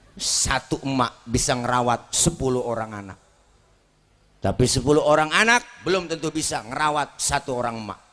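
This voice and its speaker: A man with a Betawi Jakarta accent giving a lively sermon at a community gathering, joking and talking back to the crowd. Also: mid-range voice. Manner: animated, jokey, talks back to the crowd. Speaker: preacher.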